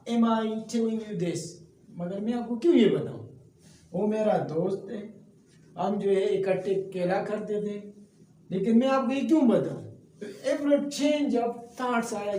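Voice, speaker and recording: In this classroom-style grammar lesson, a man with a mellow, rather high voice goes through the material one step at a time. He frequently asks "okay" to make sure his listeners are following. The recording comes from an echoey room with a faraway microphone and faint background noise.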